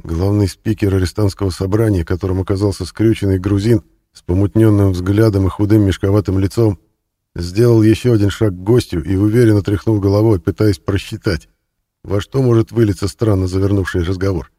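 A man narrating a novel in a steady, measured reading voice. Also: fairly low pitch, no echo, clean studio sound. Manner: steady, measured reading, rises to loud acted shouts. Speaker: audiobook narrator. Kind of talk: scripted narration.

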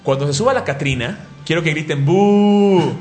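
A man's voice: a little high, expressive, fast, faint music behind. A Mexican man hosting a radio talk show, telling a story in a joking, self-mocking way and acting out the dialogue. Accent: Mexican Spanish.

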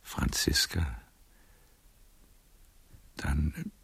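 Heavily exaggerated and very deep, with huge swings in pitch, this older actor's voice portrays a frail, tired old nobleman for a poetic radio drama. He sounds breathy and gravelly, tender and melancholy, speaking slowly in a hushed, solemn way.

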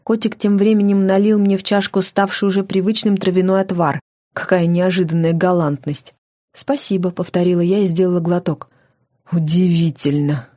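Wry mellow-voiced woman reading a novel. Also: fairly low pitch, fairly quick, dry recording, studio quality. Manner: wry, lively first-person storytelling. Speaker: audiobook reader. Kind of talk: first-person audiobook narration.

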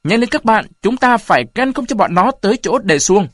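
A man voicing a ship's doctor who loudly urges his companions forward. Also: high voice, expressive, brisk, dry recording, studio quality, pitched above the performer's own voice. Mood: urgent. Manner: loud, commanding. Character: urgent male ship's doctor urging men on.

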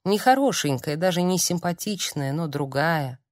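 A woman narrating an audiobook in a calm, measured reading. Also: deep voice, no echo, studio quality. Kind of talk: scripted narration.

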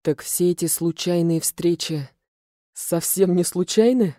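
A woman voicing a confident, insistent male werewolf alpha in an audiobook, speaking low and steady. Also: a little slow, no echo, clean studio sound, lightly acted. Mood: stern.

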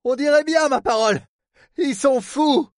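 A gruff, fretful harbor superintendent, as a male narrator puts him on, talks in blunt rustic speech and keeps swearing. The voice sits very high, far above the reader's own. The sound is dry and close. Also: unhurried, no room sound. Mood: alarmed, shouting. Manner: blunt rustic talk, full of oaths. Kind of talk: audiobook character voice.

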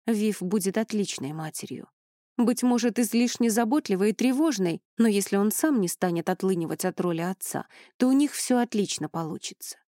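A woman narrating a fantasy novel in a measured, even reading, recorded dry and close. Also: medium pitch, no room sound. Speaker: audiobook narrator. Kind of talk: scripted narration.

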